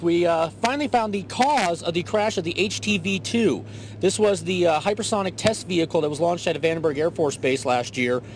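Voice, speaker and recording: A man's voice: a little high, a little hiss or hum. A man giving a casual, informal news report with filler words and a wry touch. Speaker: listener correspondent.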